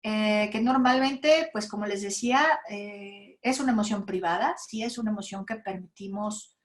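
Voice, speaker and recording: A woman with a Mexican accent lectures parents at a school talk on handling emotions. Her voice sits at an ordinary middle pitch. She keeps checking in with little tag questions and slips into quoted lines from parents and kids. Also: moderate pace.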